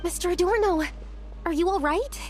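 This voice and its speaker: A woman's voice: very high voice, normal speed, a little mellow, soft background music. A woman voicing an earnest, attentive researcher in a video game, polite and precise. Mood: concerned.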